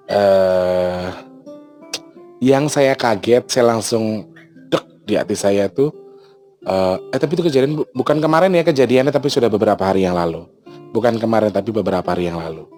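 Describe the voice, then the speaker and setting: A man hosting a casual storytelling vlog, talking in an animated way with frequent exclamations. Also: lowish voice, normal speed, soft background music. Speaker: channel host.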